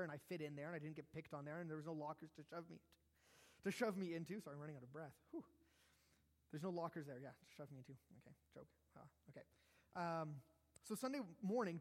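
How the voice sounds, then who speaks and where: Man, high voice, pastor, sermon, casual self-deprecating asides, long hall reverb.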